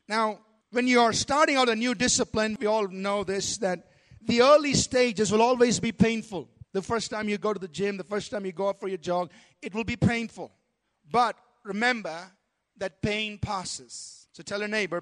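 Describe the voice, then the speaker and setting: A man's voice: very high voice, bright, forceful tone. A middle-aged male pastor preaching a sermon in an emphatic style, often asking the congregation for an amen.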